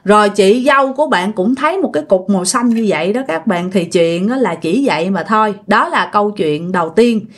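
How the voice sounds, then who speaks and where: A woman telling a ghost story in a chatty, expressive way, talking straight to her listeners. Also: mid-range voice, brisk, few pauses. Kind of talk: casual ghost story narration.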